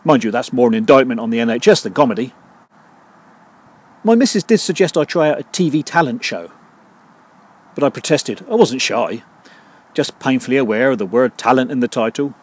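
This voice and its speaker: A man hosting his own podcast, delivering a scripted comedy monologue in a dry, deadpan way full of puns. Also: medium pitch, a little fast, long pauses, slightly rough. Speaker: podcast host.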